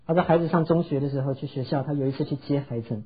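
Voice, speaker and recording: A man preaching a sermon, telling a story in an earnest, emphatic way with drawn-out sentence endings. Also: mid-range voice, slightly rough. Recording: dull lo-fi recording.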